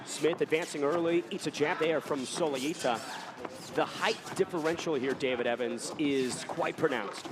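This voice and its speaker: A man with a high voice calls a live fight as play-by-play commentator. His delivery is polished and broadcast-ready, with music playing clearly behind him. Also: normal speed, background noise.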